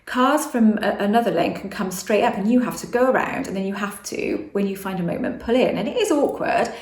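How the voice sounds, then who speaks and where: A woman's voice: mid-range voice, a little fast, a little mellow, reverberant. A woman vlogging about manifestation in a casual, rambling monologue, often restarting and correcting herself.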